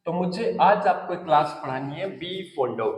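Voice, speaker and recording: A man with an Indian English accent teaching a spoken English lesson, repeating key words slowly and emphatically. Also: a little high, expressive. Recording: echoey room with long reverb.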